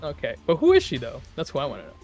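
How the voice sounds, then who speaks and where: A teasing, excitable man chatting as a streamer while they read a game together. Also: medium pitch, very fast, faint music behind. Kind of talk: casual chat while reading a game together.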